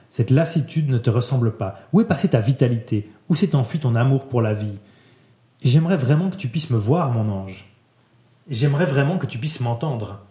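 A man reading a literary text aloud in a soft, measured way, letting his voice drop quieter at the ends of phrases. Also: medium pitch. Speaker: reader. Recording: roomy echo.

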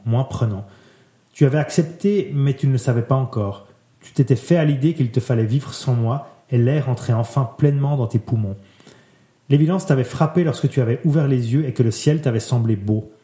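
A man reading a literary text aloud in a soft, measured way, letting his voice drop quieter at the ends of phrases. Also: medium pitch. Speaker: reader. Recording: roomy echo.

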